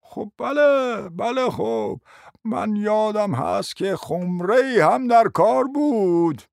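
A reader doing a slow, muddled old prince. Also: medium pitch, lively intonation, dry recording, studio quality, pitched above the performer's own voice, lightly acted. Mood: bewildered. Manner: slow, hesitant, wandering.

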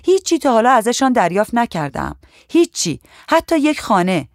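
A narrator raises the voice into an outspoken young policewoman in a storybook reading, pitched high above the narration. She is loud, blunt and never stops complaining, and the sound is close and dry. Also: big pitch swings, no room sound. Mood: griping. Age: young adult. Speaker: police officer.

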